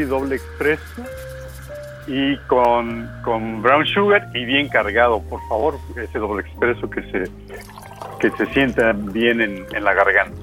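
Easygoing radio guest guy, mid pitch, some music behind. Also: a bit bright. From Mexico. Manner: good-humored, laughs easily. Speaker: regular radio contributor.

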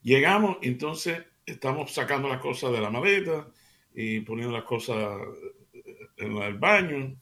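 Gravelly man telling a radio anecdote. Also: medium pitch, lively intonation, unhurried. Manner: chatty anecdotal, addresses listeners warmly as family. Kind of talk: casual radio storytelling.

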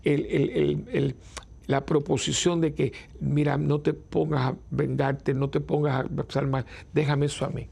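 Gravelly older man. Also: a little high, flat delivery, measured pace, a little mellow. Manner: conversational, self-interrupting, chuckling. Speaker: priest. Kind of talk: informal spiritual talk.

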